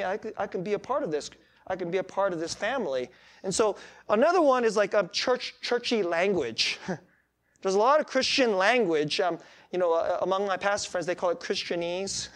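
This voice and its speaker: A male pastor giving a sermon in a casual, chatty way, with quick asides. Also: high voice. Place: church sanctuary.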